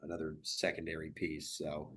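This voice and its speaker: A man with a very low voice, chatting as a sports podcast co-host. He pauses and restarts often, reaching for names and words. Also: monotone, breathy edge. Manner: halting, searching for words with many fillers. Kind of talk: casual sports chat.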